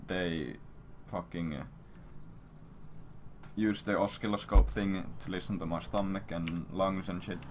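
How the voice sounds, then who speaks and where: A man tells his stream audience a meandering, casual story packed with crude swearing. His deep voice is steady, a bit mellow, and slightly slow, and the noisy stream audio picks up keyboard sounds.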